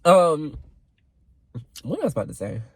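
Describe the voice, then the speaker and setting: A young man in his twenties vents to his viewers in a loose, rambling rant, swearing freely. His pitch swings widely as he talks. The sound is dry and close, with no room around it. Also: a little slow, husky, no room sound, rough recording. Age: 20s. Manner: animated and expressive, swearing freely, rambling with fillers. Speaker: vlogger. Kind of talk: casual venting rant to camera.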